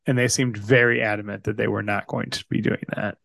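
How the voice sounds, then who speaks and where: Creaky-voiced man bantering on a podcast. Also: on the low side, little pitch movement, a little fast, fairly bright tone, no room sound, studio quality. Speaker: podcast co-host. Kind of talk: casual banter.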